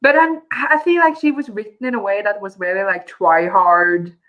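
A woman's voice: mid-range voice, normal speed, muffled recording. A woman co-hosting a book club, chatting casually and hesitantly, with frequent restarts and filler words.

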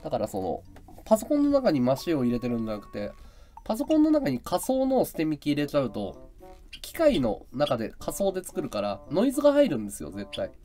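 Man, live streamer, high carrying voice, hugely lively pitch, chatty, desk mic through a mixer. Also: fairly quick, soft background music. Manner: chatty, explains his audio gear and voice tricks. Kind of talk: casual live-stream chat. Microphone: desk mic through an audio interface and mixer.

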